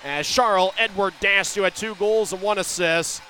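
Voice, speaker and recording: A man doing rapid live hockey play-by-play as the announcer, in clipped running phrases that can swell into drawn-out shouted goal calls. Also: high voice, slight background noise, low-quality recording. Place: live at an ice hockey arena.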